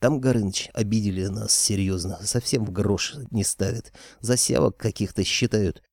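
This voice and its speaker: A man narrating a first-person audiobook in a lively manner, with a dry close-mic sound. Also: lowish voice, moderate pace, creaky, dry recording.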